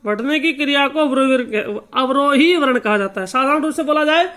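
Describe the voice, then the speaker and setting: A music teacher talks through a lesson in a high-pitched voice. He explains each term slowly and repeats it, and now and then he sings out long, drawn-out sargam notes as examples. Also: sharp tone. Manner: slow repetitive explanation, stretching out sung sargam notes. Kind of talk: spoken lesson with sung note examples.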